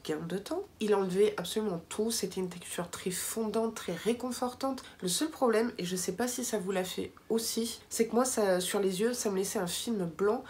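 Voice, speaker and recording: A woman's voice: medium pitch, moderate pace, hardly any pauses, a little mellow, slight background noise. A woman chatting casually to her viewers as she reviews finished beauty products, with lots of fillers and asides. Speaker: beauty vlogger.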